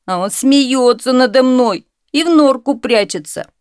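A woman puts on a big, slow-witted young hunter for a storybook tale, loud and full of himself, drawing out every boast. The delivery is unhurried, and the sound is close and dry. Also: high-pitched, animated, clear, resonant tone, no echo, voice pushed up. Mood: boastful. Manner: loud, eager, drawn-out exclaiming.

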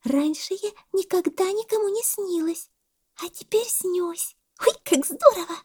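A woman voicing an excitable little female monkey with a very high, squealing voice. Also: measured pace. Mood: excited.

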